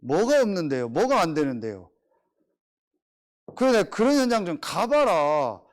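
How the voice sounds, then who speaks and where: A middle-aged man preaches with a notably high voice that swings widely up and down as he tells stories. He keeps pressing his listeners with rhetorical questions in an animated, conversational sermon. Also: a little slow. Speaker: pastor.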